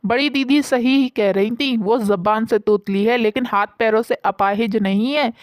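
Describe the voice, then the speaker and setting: A woman voicing an indignant, sharp-tongued young daughter-in-law in a storybook tale. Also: on the high side, normal speed, no echo, clean studio sound, close to an everyday voice. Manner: sulky, indignant.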